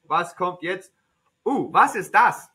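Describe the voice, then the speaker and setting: A man who is not a native speaker of German teaches a beginner high-school class in a classroom, asking simple questions again and again and answering them himself. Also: animated, takes it slowly, pushed and bright. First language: English. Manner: simple repeated questions to students, self-answering.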